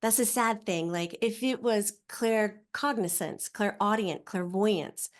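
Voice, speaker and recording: Animated woman explaining psychic ideas. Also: mid-range voice, slow. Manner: animated, acts out quoted voices. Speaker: psychic medium guest. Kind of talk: casual podcast chat.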